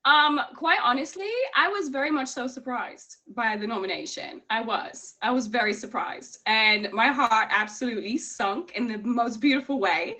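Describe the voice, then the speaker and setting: Female guest from Miami, slightly high and very bright voice, emphatic, gushing, conversational interview delivery. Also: moderate pace, hardly any pauses. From Miami, United States. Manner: effusive, emphatic, repeats herself for emphasis. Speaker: guest, award recipient. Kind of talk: casual interview answers.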